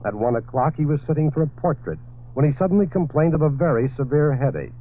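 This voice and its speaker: Male radio newsman from an old 1940s broadcast, tinny phone-like audio, steady reading with a few fillers. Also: on the high side, fast, slight background noise. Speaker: radio news reporter. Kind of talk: 1940s radio news bulletin.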